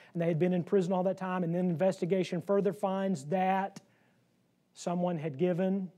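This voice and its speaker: A man leading a Bible study class in a room, lively and joking, often laughing as he explains proverbs. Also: high-pitched. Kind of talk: interactive Bible lesson.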